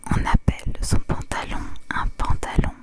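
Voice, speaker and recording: A woman reading and describing a picture book for ASMR in a hushed library whisper, softly repeating words. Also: moderate pace. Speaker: ASMR host.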